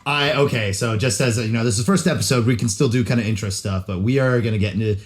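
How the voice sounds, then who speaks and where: A man's voice: mid-range voice, quick pace. A young man from California co-hosting a podcast in casual chat, joking loosely with many fillers. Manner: loose, jokey, full of fillers. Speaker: podcast co-host.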